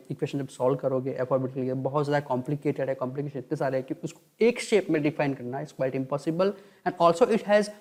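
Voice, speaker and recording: A man teaching a chemistry lecture in Hindi mixed with English terms. He asks and answers his own questions and dictates notes slowly. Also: on the high side, a little mellow. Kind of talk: online lecture.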